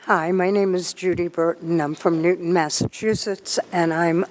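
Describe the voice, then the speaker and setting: A woman's voice: lowish voice, steady tone, moderate pace, a little mellow, slight background noise. A middle-aged or older woman from the United States giving plain spoken testimony as a cancer survivor.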